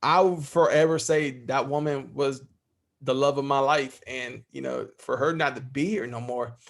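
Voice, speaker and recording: A man's voice: mid-range voice, fairly even intonation, moderate pace, vocal fry. A middle-aged man speaking as a podcast guest in candid interview talk, heartfelt and freely swearing.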